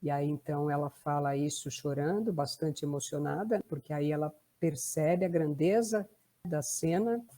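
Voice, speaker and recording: Brazilian woman therapist, warm mellow tone, chatty explanatory talk. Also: low-pitched, normal speed. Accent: Brazilian Portuguese. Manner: conversational, tag questions. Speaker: family constellation therapist.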